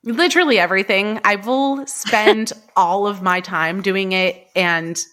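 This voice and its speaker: A woman's voice: medium pitch, a little slow, fairly bright tone. A woman guest on a podcast, talking enthusiastically and rambling with many fillers and laughs. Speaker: guest, secondhand clothing reseller. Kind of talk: casual interview chat.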